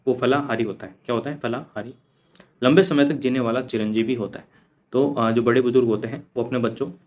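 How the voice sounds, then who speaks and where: A man's voice: mid-range voice, highs cut off. A man teaching an exam coaching lesson, repeating each answer and asking the class questions that he answers himself. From India.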